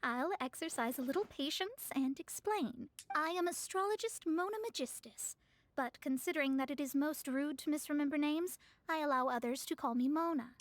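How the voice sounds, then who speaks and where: A woman's voice: sits high, moderate pace, no echo, close to an everyday voice. Mona, a woman voicing a proud astrologer. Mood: haughty. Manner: formal, self-assured, slightly lofty. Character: proud young female astrologer, haughty and formal. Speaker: game character. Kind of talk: dubbed game dialogue. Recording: faint game music behind.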